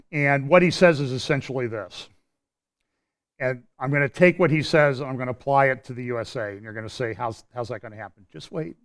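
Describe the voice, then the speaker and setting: A man presenting a church prophecy update in a conversational commentary style, pausing and restarting as he walks through a map and his views. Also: medium pitch. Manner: explains while pointing at a map on screen.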